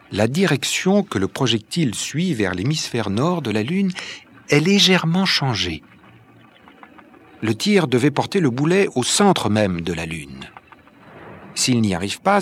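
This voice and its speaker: A man narrating an adventure storybook in a measured, clear reading voice. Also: mid-range voice, big pitch swings.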